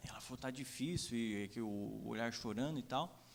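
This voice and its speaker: A man's voice: fairly low pitch, brisk, creaky. A young adult Brazilian man preaching a sermon, telling personal stories and acting out the dialogue. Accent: Brazilian Portuguese. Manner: storytelling, acts out dialogue, many "né?" asides. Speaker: pastor. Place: church sanctuary. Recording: long reverb of a church hall.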